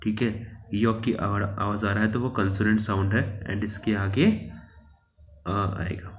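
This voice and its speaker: A man's voice: fairly low pitch, fairly even intonation, unhurried. A male teacher explaining English articles and pronunciation, repeating words and asking the viewer questions. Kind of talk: classroom grammar lesson.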